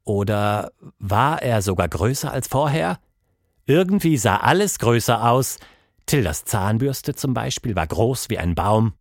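A man narrates a children's adventure with expressive, scripted delivery. His mid-range voice rises and falls freely. The sound is close and dry, with no room echo. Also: mid-range voice, measured pace. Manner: lively, expressive storytelling.

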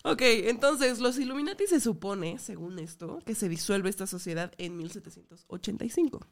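A woman's voice: medium pitch, normal speed. A young woman with a Mexican Spanish accent co-hosting a podcast, chatty and slangy, giggling as she explains. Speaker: podcast co-host. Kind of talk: casual comedic chat.

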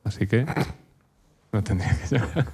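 A young man from Spain co-hosts a casual podcast chat. His voice sits fairly low. He teases, jokes and laughs often. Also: normal speed, a little mellow, husky. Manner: teasing, joking, laughs often. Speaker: podcast co-host.

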